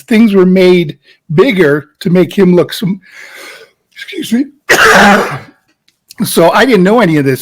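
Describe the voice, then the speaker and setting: A middle-aged actor telling a set story in an interview, acting out his own past reactions in a frantic voice. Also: sits high. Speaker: guest actor. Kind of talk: animated anecdote in a casual interview.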